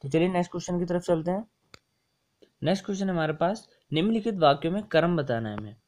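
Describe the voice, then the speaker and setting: A man's voice: sits high, animated, fast, darkish tone. A young man tutoring for a Hindi exam in a casual, repetitive way, often mixing English words into his explanations. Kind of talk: casual screen-share lesson explaining test answers.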